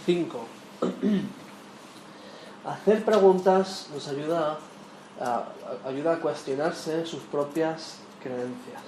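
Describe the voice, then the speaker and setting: Male Bible teacher, conversational, fairly high voice, echoey room, faint noise. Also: drawn-out words, dark tone. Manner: conversational, quizzing the audience with tag questions. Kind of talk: interactive Bible lesson.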